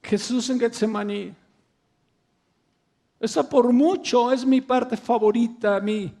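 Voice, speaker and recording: A man's voice: very high-pitched, slow, mellow. A man preaching a sermon with impassioned, emphatic swells and rhetorical questions to the congregation.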